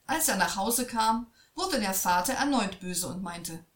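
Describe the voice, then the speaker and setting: A woman reading a fairy tale aloud in a slow, expressive storytelling voice. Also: mid-range voice. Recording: echoey room.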